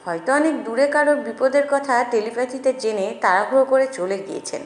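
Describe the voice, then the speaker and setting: A woman's voice: a little high, fairly quick, reverberant, a little hiss or hum, close to an everyday voice. A woman voicing a cocky teenage boy who teases and jokes. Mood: teasing. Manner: teasing, cocky. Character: cheeky bold teenage boy.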